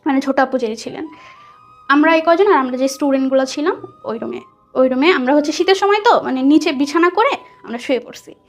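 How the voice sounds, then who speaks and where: A young woman with a Bangladeshi accent, her voice high and her pace quick, chats as a guest while recounting a personal story and acting out what others said. Music plays in the background.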